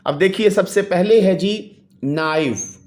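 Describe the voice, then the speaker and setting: Slow, patient teacher; reads English, then translates for kids. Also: mid-range voice, darkish tone. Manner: patient, addresses children, adds polite fillers. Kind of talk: slow explanatory lesson.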